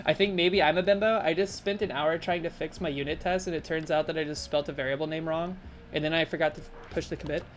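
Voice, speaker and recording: A woman live-streaming, chatting casually with her viewers in a rambling, animated way full of fillers. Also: fairly quick, faint music behind. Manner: animated, with sudden jumps in pitch. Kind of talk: casual live-stream chat while gaming and reading chat.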